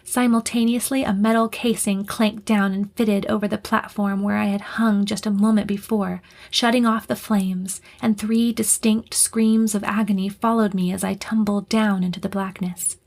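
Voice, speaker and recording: A woman reading a first-person audiobook, her narration tense and breathy, often dropping into a half-whisper. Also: medium pitch, flat delivery, moderate pace, few pauses, darkish tone.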